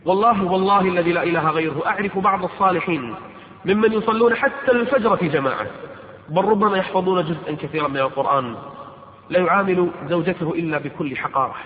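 A man's voice: high voice, quick pace. A man preaching a sermon, pleading with his listeners in an impassioned way. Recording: echoey hall, tinny narrow sound.

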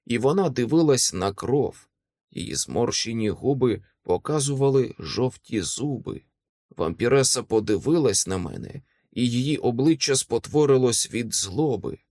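A man reading a fantasy audiobook aloud in dramatic first-person narration, telling the action vividly and slowing for the tense beats. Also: mid-range voice, darkish tone, no echo, clean studio sound.

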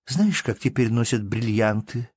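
A man voicing a playful, elegant young baroness who chatters briskly, in a read-aloud story. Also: medium pitch, a little mellow, husky, no room sound, clean studio sound.

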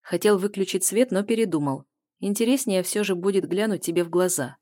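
A woman voicing a brooding, possessive man who speaks calmly and steadily in an audiobook. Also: mid-range voice, a little fast, dry recording, studio quality, natural voice. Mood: mocking. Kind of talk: audiobook character voice.

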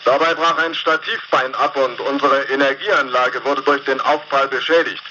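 An actor playing a stranded spaceship captain in a radio play, reporting in a plain, matter-of-fact way through a sci-fi radio communicator. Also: male voice, mid-range voice, steady tone, normal speed, bright, forceful tone. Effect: sci-fi radio communicator transmission. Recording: dull lo-fi sound with clear hiss.

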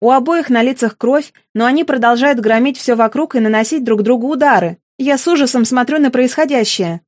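A woman reading a first-person audiobook in an expressive way. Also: sits high, brisk, no room sound, studio quality. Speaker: narrator.

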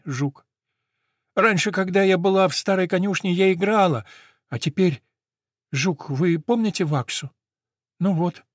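A man voicing an old, sick and weary female horse in a storybook, speaking softly and tiredly. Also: high-pitched, no room sound, clean studio sound, voice pushed up. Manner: soft, tired, gentle. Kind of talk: storybook reading.

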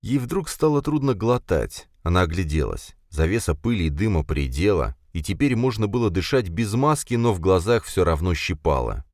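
A man narrating a thriller audiobook in an expressive, tense reading. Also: deep voice, moderate pace, few pauses, no echo, studio quality.

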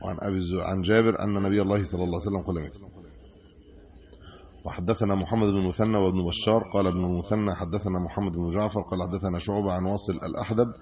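Speaking very fast in a low, slightly mellow voice with fairly even intonation, a middle-aged Egyptian sheikh reads hadith aloud. He then unpacks each one in colloquial Egyptian Arabic asides, heard on a dull lo-fi recording of the lesson.

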